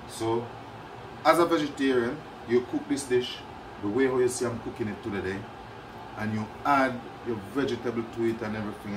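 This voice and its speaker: A middle-aged man hosts a casual cooking demonstration in a small home kitchen, talking chattily and checking in with "yeah?" and "you know what I mean?". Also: lowish voice. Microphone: camera mic at a distance. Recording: echoey kitchen, distant camera mic, noisy.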